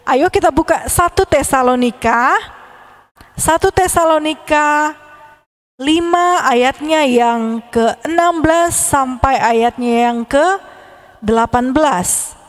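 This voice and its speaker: A woman Sunday school teacher telling a story to children, lively and speaking to them directly. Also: high voice, slow pace. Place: church hall. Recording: echoey hall.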